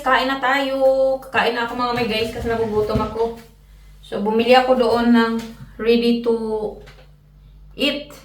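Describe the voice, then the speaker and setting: Chatty Filipina vlogger in an echoey room. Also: female voice, fairly high pitch, a bit bright, far from the mic. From Philippines. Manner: chatty, giggly, often says "mga my guys". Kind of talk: casual vlog chat. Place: at home. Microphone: phone camera. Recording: roomy echo, off-mic, noisy.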